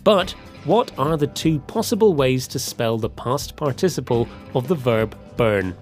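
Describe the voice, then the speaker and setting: A man presenting a scripted language lesson with a lively, measured delivery. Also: mid-range voice, faint music behind.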